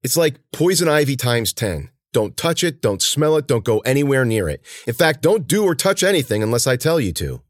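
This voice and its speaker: Guy doing a swearing farm girl, bossy and sharp, voice jumps around a lot. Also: medium pitch, very animated, moderate pace, few pauses, no room sound, clean studio sound, voice pushed up. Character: tough, foul-mouthed young woman farm worker.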